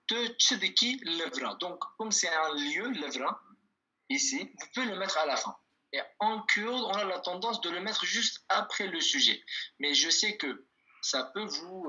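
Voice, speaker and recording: A man teaching an online language lesson, patiently repeating words slowly and checking that his students follow. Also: fairly high pitch, pushed and bright. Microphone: video call. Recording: dull lo-fi video call audio.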